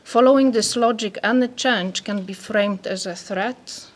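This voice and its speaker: Soft-spoken woman with a Polish accent. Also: mid-range voice, unhurried. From Poland. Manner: soft-spoken, careful reading. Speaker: anthropologist speaker. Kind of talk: reading a prepared talk.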